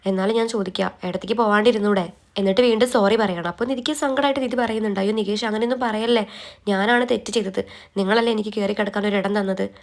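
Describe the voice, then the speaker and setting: A woman tells a serial's latest episode in quick, chatty storytelling. Her voice sits at a middle pitch, and she keeps a brisk, conversational flow, tagging lines with a friendly particle. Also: steady tone. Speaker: serial recap vlogger. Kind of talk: casual serial episode recap.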